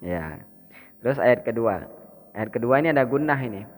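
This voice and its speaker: A man with an Indonesian accent teaching Quran reading, explaining rules slowly and chanting verses in a drawn-out melodic way for students to repeat. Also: medium pitch, animated. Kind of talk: Quran recitation lesson. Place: mosque hall. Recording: long reverb of a mosque hall.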